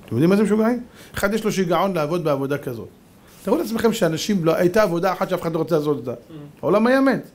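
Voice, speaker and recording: Animated high-voiced rabbi lecturing. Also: male voice. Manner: animated, theatrical storytelling, mocking rhetorical questions. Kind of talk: Torah lecture.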